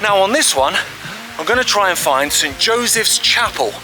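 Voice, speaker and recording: A man's voice: high-pitched, expressive, moderate pace, music in the background, poor audio. A man hosting a walking vlog outdoors by a river, chatty and enthusiastic, a bit out of breath as he walks and films. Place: outdoors in a wooded valley by a river.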